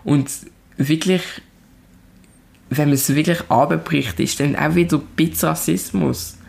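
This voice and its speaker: A woman's voice: sits low, a little slow, gravelly, a little mellow. A young woman in her twenties with a Swiss German accent, talking directly and animatedly as a musician guest in a casual chat. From Switzerland. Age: 20s.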